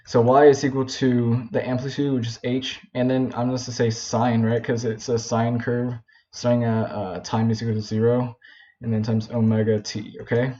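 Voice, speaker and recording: A man's voice: medium pitch, little pitch movement, moderate pace, warm tone. A young man talking through a physics problem in a casual, informal way, with lots of ums, "right?" and self-corrections as he works it out. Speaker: physics tutor. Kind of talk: casual whiteboard problem walkthrough. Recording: dull lo-fi home recording.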